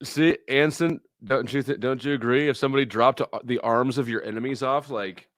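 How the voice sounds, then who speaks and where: A middle-aged man hosts a livestream, chatting casually with viewers in a rambling, blunt, anecdotal way with some swearing. His mid-range voice moves a little fast, and the studio sound is clean with no echo.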